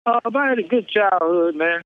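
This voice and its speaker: A man's voice: high voice, lively intonation, moderate pace, clear, resonant tone, no room sound, narrow, tinny audio. A man in his sixties from Kansas City, Missouri, talking on a prison payphone call, plain-spoken, often restarting words and adding "man.". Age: 60s. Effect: prison payphone call line. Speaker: incarcerated interviewee. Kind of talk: casual phone interview.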